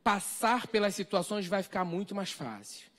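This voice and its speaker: A man's voice: high voice, animated, moderate pace, a bit bright. A man with a Brazilian accent preaching a sermon, earnest and full of repeated rhetorical questions. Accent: Brazilian Portuguese. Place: church hall, live stream.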